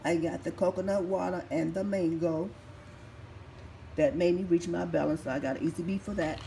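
This couponing vlogger is a woman in her fifties with a raspy, lowish, mellow voice, speaking at a moderate pace in a steady tone. Still recovering from surgery, she gives a casual product haul walkthrough, methodically reading prices off her receipts. She records at home with a phone camera held over the items, and the room is echoey with faint noise in the background.

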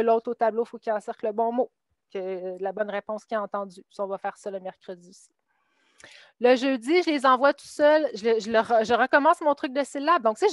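A woman's voice: fairly high pitch, no echo, studio quality. A woman teacher with a Québécois accent, explaining her reading lessons step by step and acting out what she tells her students. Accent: Québécois French. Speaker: literacy teacher for adult immigrants. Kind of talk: explaining her classroom method at a teachers' meeting.

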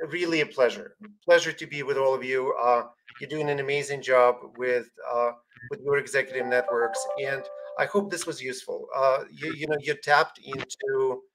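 A man's voice: medium pitch, slight background noise, rough recording. Earnest man speaking on a video call. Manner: earnest, restarts phrases. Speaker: guest expert on strategy. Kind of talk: webinar discussion.

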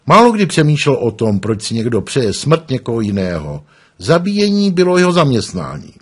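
A man reading an audiobook aloud with expressive storytelling. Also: mid-range voice, slightly rough. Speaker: audiobook narrator. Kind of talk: audiobook narration.

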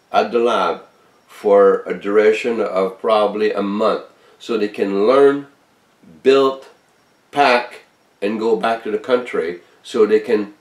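A man's voice: fairly low pitch, distant mic. A man who is sick with a virus talks bluntly and emphatically, repeating himself as he demonstrates his inventions. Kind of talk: casual workshop video talk. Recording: roomy sound from off-mic.

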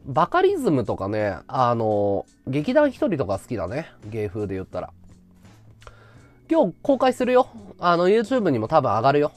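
Chatty man with a lively voice. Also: medium pitch, normal speed. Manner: chatty, reacts to viewer gifts. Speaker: livestream host. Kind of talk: casual livestream chat.

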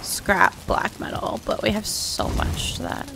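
Gravelly-voiced woman in casual game chat. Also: mid-range voice, very animated, slow, background noise. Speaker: co-op gaming partner, channel host.

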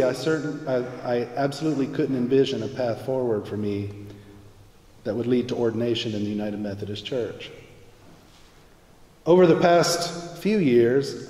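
A church music minister in his forties earnestly reads a prepared testimony from the pulpit of a large church, his voice mid-range and dark in tone. It was picked up by a pulpit mic and a far camera, sounding echoey and distant.

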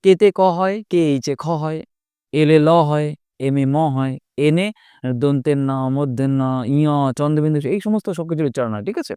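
A man's voice: fairly high pitch, animated, a little fast, warm tone, clear, resonant tone, dry recording, clean studio sound. A man teaching a spoken language lesson, explaining letter sounds patiently and often checking with the listener. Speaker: English teacher.

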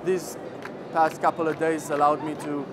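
A young man from Israel, an activist, answers an interview question. He speaks slowly and hesitantly, with fillers, in a slightly high voice. Clear background noise runs behind him. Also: little pitch movement. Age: young adult.

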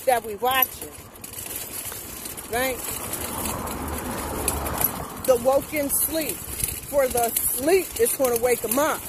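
Strolling down a street, a middle-aged vlogger speaks forcefully to her arm's-length phone, her voice a little high, tossing in "right?" over and over. The casual walking monologue is accompanied by street and traffic noise on the phone audio.

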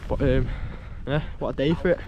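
A man's voice: mid-range voice, fairly quick, background noise. A man with a Northern English accent, chatting casually as he hosts an outdoor hiking vlog. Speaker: vlog host. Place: outdoors on hills and woodland trails.

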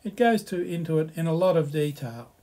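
Male tutorial narrator, slightly higher voice, relaxed explanatory delivery over slides. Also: brisk. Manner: relaxed, explanatory, reads slides aloud with asides. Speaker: software tutorial presenter.

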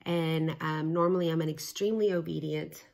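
A woman with a low voice chats casually at home, rambling through stories with plenty of fillers. She is sick, with a cough and a little short of breath. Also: steady tone, moderate pace, gravelly, a little mellow. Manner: chatty storyteller, many fillers. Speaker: vlog co-host. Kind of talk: casual chat.

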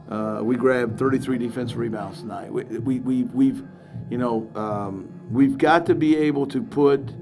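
A middle-aged man coaching a basketball team speaks at a postgame press conference, his voice gravelly. He talks candidly and with energy, repeating words as he restarts, into a table mic with music audible behind him. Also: medium pitch. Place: press room in front of a sponsor backdrop. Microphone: table mic on a stand.

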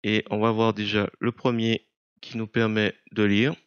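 A man narrating an unscripted software screencast, explaining step by step in a hesitant, halting way. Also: fairly low pitch, little pitch movement, smooth, no room sound, muffled recording. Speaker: software tutorial presenter.

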